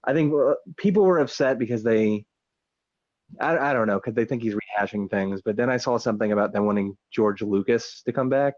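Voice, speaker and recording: A man's voice: medium pitch, a little fast, a little mellow, no room sound. A man chatting casually as a podcast panelist, over a dull, lo-fi connection. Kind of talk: casual chat.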